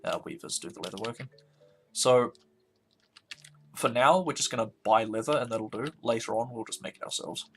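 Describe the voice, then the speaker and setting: Sleepy, gravelly man narrating gameplay. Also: mid-range voice, normal speed. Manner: chatty, thinking aloud. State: sleepy, yawning. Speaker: let's play host. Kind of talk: casual gameplay commentary.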